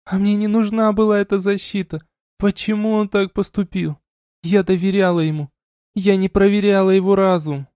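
A man voicing a drunk, tearful young woman mage who sobs and accuses, slurred and shrill. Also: fairly even intonation, normal speed, darkish tone, smooth, no room sound, clean studio sound, lightly acted. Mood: sobbing. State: crying.

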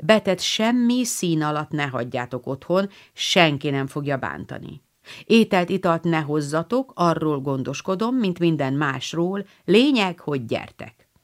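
A woman's voice: deep voice, expressive. Brief: a woman voicing a cheerful, playful boy neighbor in a storybook. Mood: jaunty. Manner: jaunty, playful.

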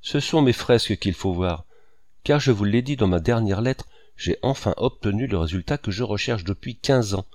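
A man's voice: on the low side, lively intonation, normal speed, a little mellow, no echo. A man voicing a boastful, exuberant male painter who talks grandly and at length. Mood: grandiloquent. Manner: grandiose, voluble.

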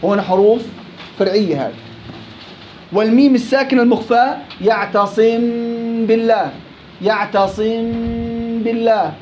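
A man teaching a tajweed lesson on Quran recitation. He drawls sample words slowly, repeats them, and quizzes the class. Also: high voice, warm tone. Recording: dull lo-fi with faint background noise.

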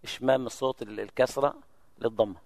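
A man of middling pitch recites example words slowly and with care, then explains them briskly in a religious lesson. His voice comes through dry and close on the microphone. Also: fairly even intonation, vocal fry, darkish tone, dry recording. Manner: slow drawn-out recited examples between quick explanations. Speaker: Quran recitation teacher giving examples. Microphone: lecture microphone.

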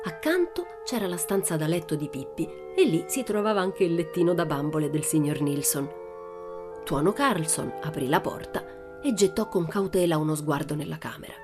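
Expressive woman reading a storybook aloud. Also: low-pitched, moderate pace, music in the background. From Italy. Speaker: audiobook reader. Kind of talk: scripted narration.

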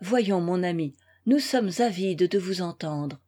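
Gentle young wife coaxing her husband, earnest and sweet, storybook reading, woman doing it. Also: on the low side, lively intonation, a little slow, breathy edge. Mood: teasing.

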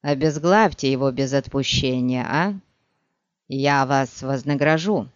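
A gloomy, weary court official, as a male narrator puts him on, coaxing in a low, soft voice in an audiobook. He talks slowly and patiently. The sound is dry and a touch muffled. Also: clear, resonant tone, dry recording, natural voice. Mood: pleading.

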